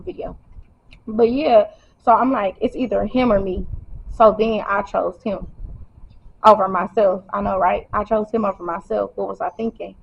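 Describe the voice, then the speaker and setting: Holding back tears, a woman speaks emotionally to camera about her own life in a casual, colloquial, direct way. She has a husky mid-range voice with vocal fry, captured in dull lo-fi audio.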